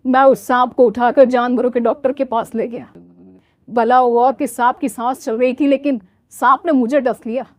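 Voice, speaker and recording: A woman's voice: fairly high pitch, fairly even intonation, moderate pace, darkish tone, no echo, voice pushed down, natural voice. A woman voicing a blunt, grumbling middle-aged father-in-law in a comic story. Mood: gruff.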